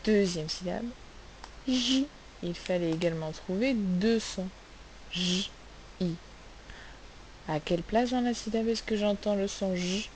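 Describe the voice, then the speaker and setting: A woman teaching a phonics lesson, sounding out letters and syllables slowly and asking the class questions. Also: mid-range voice, a little mellow, poor audio. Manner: slow, carefully spelled-out sounds, asks questions. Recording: faint hiss.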